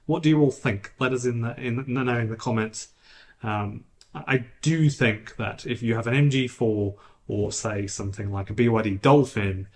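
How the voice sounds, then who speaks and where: Chatty man on a robotic-sounding camera mic. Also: fairly low pitch. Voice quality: slightly robotic, degraded audio. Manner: chatty, rambling, frequent restarts and fillers. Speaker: YouTuber. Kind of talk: casual vlog monologue. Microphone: camera's built-in mic.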